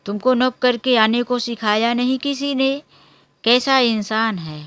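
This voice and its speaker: A woman voicing an angry, spoiled teenage granddaughter who shouts and scolds in a storybook tale. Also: a little high, a little slow, dry recording, lightly acted. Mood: outraged. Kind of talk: storybook character voice.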